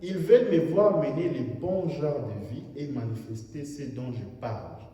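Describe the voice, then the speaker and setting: Emphatic preacher in an echoing church hall. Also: male voice, medium pitch, normal speed. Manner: emphatic preaching, voice rising loud when retelling a story. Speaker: pastor. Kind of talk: sermon. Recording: echoey hall from far off.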